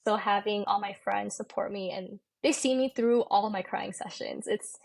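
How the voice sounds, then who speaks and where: With a creaky, mid-range voice at normal speed and no echo, this young woman, an American-accented medical student in her twenties from California, speaks frankly and casually as a podcast interview guest, sprinkling in "like" throughout.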